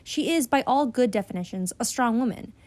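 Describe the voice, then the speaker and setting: A woman's voice: fairly high pitch, lively intonation, brisk, a little mellow. A woman narrating a scripted video essay in an earnest, explanatory way.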